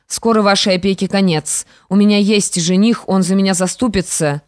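A woman's voice: mid-range voice, fairly even intonation, normal speed, a little mellow, dry recording, studio quality, close to an everyday voice. A woman voicing a defiant young stepdaughter in an audiobook, firm and reproachful. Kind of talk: audiobook character reading.

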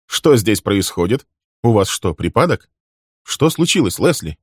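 A man voicing a carefree middle-aged businessman who talks in a bright, laughing tone. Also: on the low side, sing-song, a little slow, husky, dry recording, studio quality, pitched above the performer's own voice, heavily acted. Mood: jovial.

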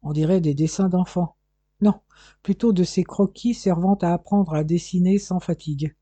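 A reader voicing a stern middle-aged male police chief who gives curt, brisk orders, in audiobook dialogue. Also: mid-range voice, steady tone, warm tone, no echo, pitched above the performer's own voice, close to an everyday voice. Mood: musing.

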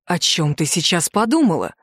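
A woman voicing a stern, cold male prince with a low, menacing hiss. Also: animated, slow pace, no echo, clean studio sound.

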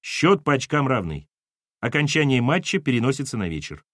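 A man voicing a calm, methodical man who questions everyone, in an audiobook. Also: medium pitch, dry recording, studio quality. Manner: measured, dryly questioning.

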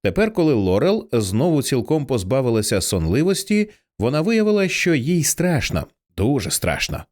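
A man narrating an audiobook in an expressive storytelling way. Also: mid-range voice, normal speed.

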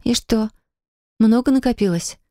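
A woman's voice: on the high side, fairly even intonation, quick pace, a little mellow, dry recording, clean studio sound, pitched above the performer's own voice, close to an everyday voice. A woman reading an audiobook, voicing an anxious, frightened young woman who talks in breathless, pleading bursts.

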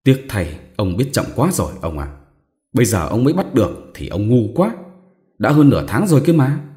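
A man voicing a sharp-tongued, defiant young wife who speaks with mocking scorn in a storybook reading. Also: mid-range voice, very animated, normal speed, natural voice. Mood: scornful.

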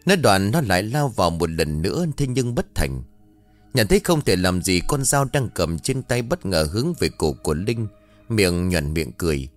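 Low-voiced man narrating a ghost story. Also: moderate pace, soft background music. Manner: expressive storytelling, voices every character.

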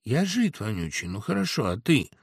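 A man's voice: medium pitch, very animated, normal speed, gravelly, slightly rough, no echo, clean studio sound, exaggerated voice. A man playing a defiant tavern fiddler. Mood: cool mocking. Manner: quiet and cutting, then commanding. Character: defiant male tavern violinist, sharp-tongued. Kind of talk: audiobook reading.

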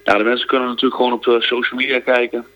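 A man's voice: mid-range voice, flat delivery, racing, pushed and bright, rough recording. A man, a singer, calling in to a radio show and answering the host's questions hesitantly, with many filler sounds and restarts.

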